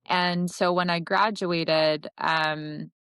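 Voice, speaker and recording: A woman's voice: fairly low pitch, steady tone, very slow, a bit bright, clean tone, dry recording. A middle-aged woman from Connecticut, a marketing executive, answering interview questions in a thoughtful, self-correcting way. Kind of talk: casual interview talk.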